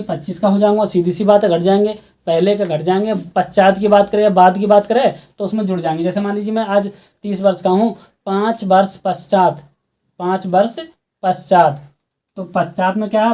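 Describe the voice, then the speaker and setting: A man with a high, warm voice and a Hindi accent walks students through a textbook maths exercise. He talks casually, going over the steps more than once and asking the class questions.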